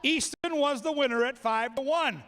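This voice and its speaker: A man with a strikingly high, sharp voice calls live races over the track. He talks fast and excitably and shouts the calls and the entrants' names. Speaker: race announcer. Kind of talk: live race-call commentary. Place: racetrack.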